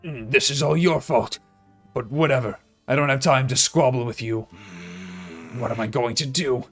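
A man reading the part of a proud, gruff warrior who is easily rattled, in a video game. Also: medium pitch, moderate pace, a bit bright, faint music behind. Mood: annoyed, rattled. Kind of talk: video game dialogue read aloud.

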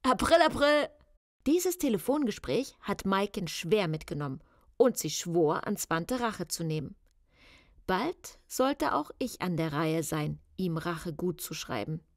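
A woman's voice: on the low side, animated, unhurried, dry recording, clean studio sound. A woman reading a children's audiobook in a confiding, wry first-person voice. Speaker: audiobook narrator.

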